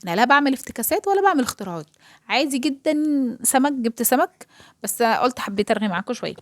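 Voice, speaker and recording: Egyptian woman, young adult, chatty cooking vlog voice-over, rapid, dry close sound. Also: on the high side, very animated, dry recording. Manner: chatty, rambling, talks straight to viewers. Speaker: home cooking vlogger. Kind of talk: casual chat over cooking footage.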